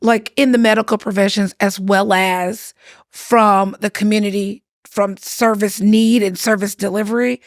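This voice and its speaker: A woman, co-hosting a casual chat and talking in an animated way, with frequent laughs. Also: mid-range voice, moderate pace, no echo, clean studio sound. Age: 40s. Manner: animated, laughs often, trails off mid-sentence. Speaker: podcast co-host.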